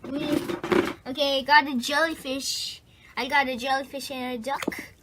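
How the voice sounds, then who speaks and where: High-voiced woman playing with bath toys. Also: little pitch movement, unhurried, heavy background noise. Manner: playful, makes bloop and quack sounds. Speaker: toy video host. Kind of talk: casual toy play narration for kids.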